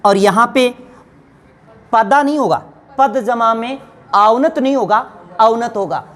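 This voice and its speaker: A woman teacher with a fairly high, slow voice gives a grammar lesson to exam students. She asks questions and answers them herself, fondly calling the students children.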